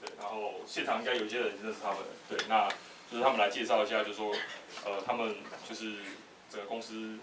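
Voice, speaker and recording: A man's voice: lowish voice, flat delivery, fast, far from the mic. A man hosting an event with an informal, loosely worded and somewhat hesitant introduction. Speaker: event host. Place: indoor event room with audience. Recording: echoey room from afar, noisy.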